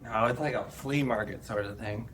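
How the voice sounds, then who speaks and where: A man's voice: lowish voice, moderate pace, a bit bright. Man, twenties, podcast co-host, casual chat, hesitant, rambling, joking, faint background noise.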